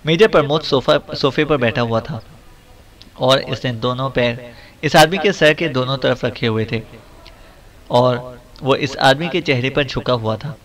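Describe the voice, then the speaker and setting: A man narrating a spy thriller audiobook at a middle pitch. He keeps a steady, dramatic storytelling pace. The reading sounds unhurried and even.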